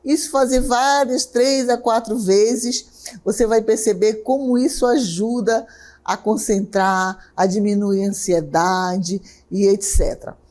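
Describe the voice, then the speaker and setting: A woman teacher with a Brazilian Portuguese accent, giving a televised lesson, talking quickly and checking in often with her students. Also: mid-range voice, fairly even intonation, darkish tone. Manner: talks fast, checks in often with "certo?" and "né?"; slows right down to guide a breathing exercise.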